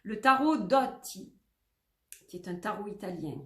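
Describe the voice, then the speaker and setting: A woman with a French accent chats casually about her tarot collection. She rambles and corrects herself, filling pauses often. Her mid-pitched voice bounces around a roomy, echoey space. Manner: chatty, rambling with many fillers and self-corrections. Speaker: tarot vlogger. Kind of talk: casual chat showing tarot decks.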